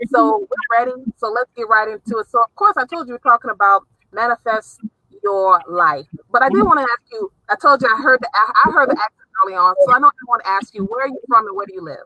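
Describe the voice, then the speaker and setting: A woman's voice: on the high side, animated, fast, dry recording, lo-fi sound. A woman with a New Orleans accent, hosting a casual interview with enthusiastic, talkative energy. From South Louisiana. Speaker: host.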